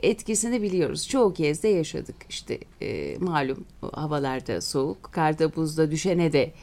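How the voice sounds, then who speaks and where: A woman's voice: low voice, animated, normal speed, creaky, dark tone. A woman hosting a radio interview, chatty, with frequent hesitant fillers. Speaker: radio host.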